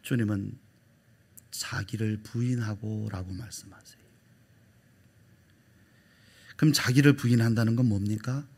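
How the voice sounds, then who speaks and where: A man's voice: fairly low pitch, fairly even intonation, normal speed, darkish tone, slightly rough. A middle-aged man, a pastor, preaching a sermon with emphatic delivery, acting out quoted lines and dropping to a whisper.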